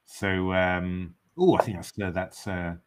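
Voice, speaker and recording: A man's voice: sits low, measured pace, clear, resonant tone. An English man giving live commentary on online chess games, thinking aloud with lots of fillers and bursts of cheering. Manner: excitable cheering, then musing with many fillers.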